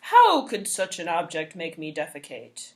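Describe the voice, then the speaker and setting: A woman's voice: low voice, wildly swooping pitch, unhurried, darkish tone, voice pushed down, full character voice. A woman voicing a boastful, foolish male trickster from a folktale, with a blustering, declamatory storybook manner. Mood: boastful, defiant. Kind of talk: folktale character voice.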